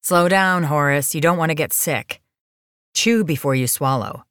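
A woman's voice: low voice, a little slow, fairly bright tone, smooth, no room sound, clean studio sound. A woman voicing a blunt, caring young woman who talks firmly and directly. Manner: firm and direct.

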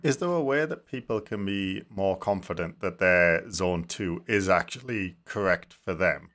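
A man with a very low voice hosting a casual podcast. He asks questions with curiosity and laughs easily, keeping the talk chatty. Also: expressive, measured pace, a bit bright. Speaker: podcast host.

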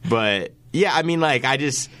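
A man's voice: medium pitch, animated, slow, a bit bright, a little hiss or hum. A young man co-hosting a college radio morning show, joking in a playful, slangy way and acting out little quotes. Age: young adult. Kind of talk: casual chat.

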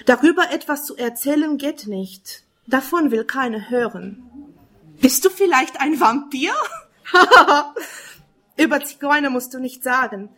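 Woman w/ doing spoken word poetry, kinda high voice, slow and earnest. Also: animated. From Romania. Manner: measured, earnest, second-person address.

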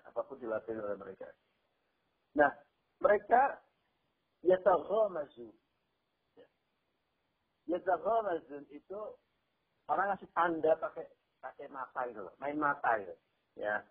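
A man's voice: mid-range voice, slightly rough. A man preaching a Quran exegesis sermon, explaining verses and asking rhetorical questions. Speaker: Islamic preacher. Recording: tinny phone-like radio sound.

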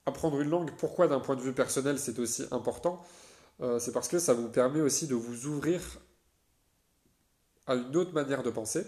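Speaking medium-pitched and somewhat dark, a young man from France rambles casually through his one-person podcast as its host, often hesitating and starting his sentences over.

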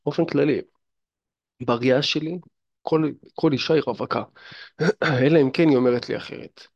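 Gravelly, chatty man giving advice. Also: medium pitch, darkish tone, no echo, dull audio. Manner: chatty, addresses listener directly, many fillers. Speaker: fitness and dating coach. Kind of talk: casual advice monologue to camera.

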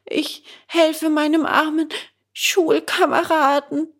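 A woman's voice: high voice, level tone, slow, fairly bright tone, voice pushed up, heavily acted. A woman reading a storybook aloud and voicing a frightened, stubborn wooden puppet boy who wails, pleads and stammers. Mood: stammering.

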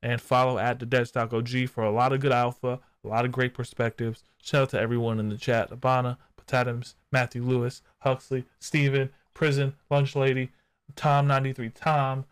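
A man's voice: mid-range voice, flat delivery, moderate pace, smooth. A man hosting a live-streamed podcast, talking in hyped, slangy banter and swearing freely. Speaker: podcast host. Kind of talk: casual live-stream chat.

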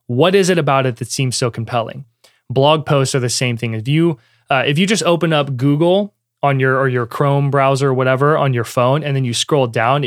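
A man's voice: medium pitch, no echo, clean studio sound. A young adult man giving a casual, conversational teaching talk, with frequent fillers and restarts. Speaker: online business teacher.

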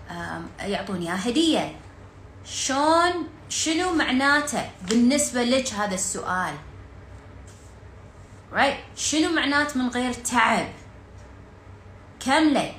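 Gulf arabic lady coaching a workshop, bright higher voice, lots of quick questions, roomy echo. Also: slight background noise. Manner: fires rapid rhetorical questions, mixes in English words.

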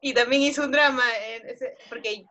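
A young woman with a high, bright-sounding voice co-hosts a casual chat podcast. She tells her stories in an animated way and keeps breaking into laughter. Her delivery is loose and conversational. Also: normal speed, highs cut off. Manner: laughs often while telling stories, animated. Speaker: podcast co-host.

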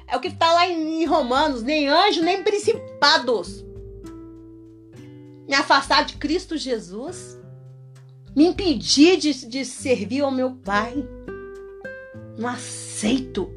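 Animated woman from Minas Gerais. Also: sits high, slow, long pauses, faint music behind. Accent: Minas Gerais Portuguese. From Minas Gerais, Brazil. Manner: animated, laughs often, mimics prayers. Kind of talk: casual testimony and preaching talk.

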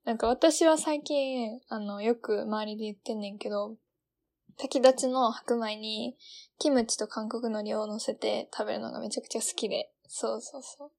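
Speaking at a normal speed, this young Kansai-accented podcast co-host has a fairly high, steady voice that's gravelly and slightly mellow. She keeps the chat relaxed and laughs often.

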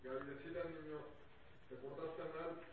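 A man in a class asking quiet, hesitant questions about discipline. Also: fairly high pitch, steady tone, moderate pace. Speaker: course participant. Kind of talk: class discussion comment. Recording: distant, very echoey, noisy and tinny.

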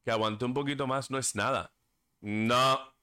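A man hosts a casual solo podcast through a desk microphone in a medium-pitched, steady voice that is pushed and bright, clear and resonant, at a measured pace. Earnest and preachy, he stumbles on words now and then and slips into English fillers.

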